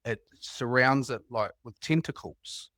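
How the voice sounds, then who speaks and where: With an unhurried pace and a medium-pitched voice that's a bit bright, a New Zealand man calls in and rambles through stories, laughing as he goes. His New Zealand accent comes through a clean, dry studio recording of this casual chat.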